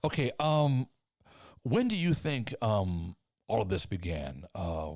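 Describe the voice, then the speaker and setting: A nervous therapist acted by a man with a low voice that still rises and falls a lot. He stammers and fills his speech with ums, and the sound is close and dry. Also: expressive, slow pace, a little mellow, no room sound. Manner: hesitant, full of ums and stammers. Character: nervous male therapist, hesitant and awkward. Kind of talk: parody sketch.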